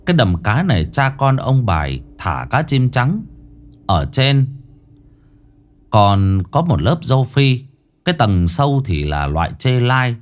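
A man narrating a ghost story, dramatic and blunt, with coarse slang. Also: fairly low pitch.

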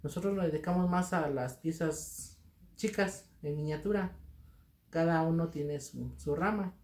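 A man's voice: a little high, a little mellow. A middle-aged man with a Mexican accent answering interview questions as a guest, speaking hesitantly with many fillers and restarts. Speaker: guest artisan. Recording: roomy echo.

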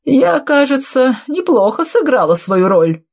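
A woman reading aloud, voicing a fierce, sharp-tongued wealthy old woman in a scolding manner. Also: high voice, very animated, unhurried, voice pushed up, exaggerated voice. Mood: triumphant. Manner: scornful, scolding.

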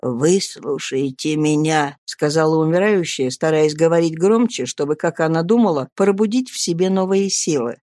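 A woman narrating a classic novel aloud in a measured, expressive reading. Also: sits low, no echo, studio quality. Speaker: audiobook narrator.

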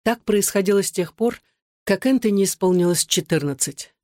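Audiobook narrator, measured storytelling, dry close mic. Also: mid-range voice, lively intonation, a little mellow, no echo.

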